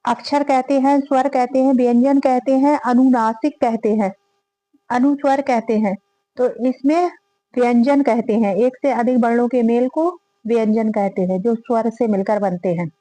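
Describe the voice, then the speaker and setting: A woman's voice: on the high side, steady tone, normal speed, dark tone, no echo, rough recording. A woman teaching a grammar lesson, reading out quiz questions and going through the answer options one by one. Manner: reads each question then lists and repeats the options aloud.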